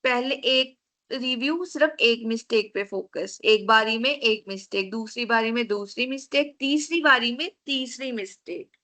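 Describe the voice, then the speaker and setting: A woman teaching an online class over a video call, slowly repeating the key steps for her students. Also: on the high side, pushed and bright.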